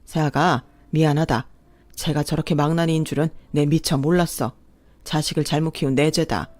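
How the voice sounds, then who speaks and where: A performer voicing an older father-in-law who speaks slowly and gravely, full of remorse, in a radio drama. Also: on the high side, fairly even intonation, darkish tone, dry recording, close to an everyday voice. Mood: remorseful. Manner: slow, grave, apologetic.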